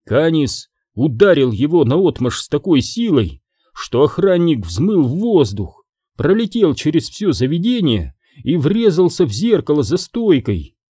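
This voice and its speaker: A man narrates a fairy-tale adventure with a lively, widely moving voice. His tone is dark and mellow, and the close, dry recording has no room sound. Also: fairly high pitch, a little slow, husky, no echo. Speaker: audiobook reader. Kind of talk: storybook narration.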